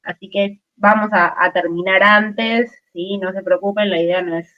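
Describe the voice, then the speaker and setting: A woman's voice: medium pitch, fairly even intonation, moderate pace. A woman teacher with an Argentine accent, leading an online class in a casual way, with many fillers and frequent checks with her students. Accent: Argentine Spanish. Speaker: chemistry teacher. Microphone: video call. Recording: dull lo-fi video call audio.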